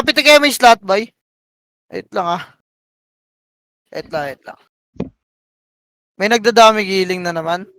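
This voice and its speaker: A man calling shots for his team in live game voice chat, barking rapid commands and countdowns and swearing. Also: very high-pitched, gravelly, a bit bright, no echo. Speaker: team shotcaller.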